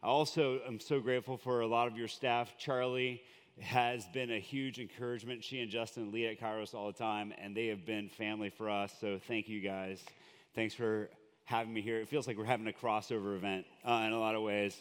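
A man's voice: fairly low pitch, level tone, fairly quick, clear, resonant tone, in a large hall. A man from Colombia preaching as a guest in a church, in a chatty, joking way with lots of fillers. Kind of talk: conversational sermon. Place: church sanctuary.

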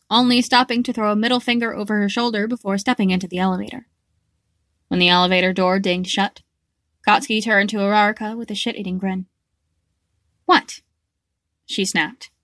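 A woman's voice: medium pitch, fairly even intonation, brisk, fairly bright tone, no room sound, studio quality. Woman narrating a fan fiction audiobook.

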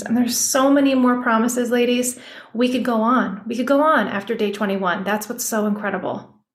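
A woman hosting a devotional podcast, lingering slowly on key words and repeating them for emphasis. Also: fairly high pitch, roomy sound. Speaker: podcast host.

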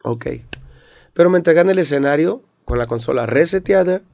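A man's voice: fairly high pitch, moderate pace, vocal fry, no echo, clean studio sound. A young Mexican man, a rapper guest, animatedly retelling a bad night and acting out what people said. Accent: Mexican Spanish. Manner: animated retelling with acted-out quotes. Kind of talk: casual storytelling interview.

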